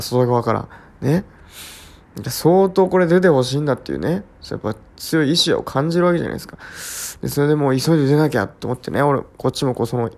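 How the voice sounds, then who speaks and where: Gravelly-voiced sleepy man telling a rambling story. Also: medium pitch, darkish tone. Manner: rambling and repetitive, heavy on sound words. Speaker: podcast host. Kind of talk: casual solo storytelling.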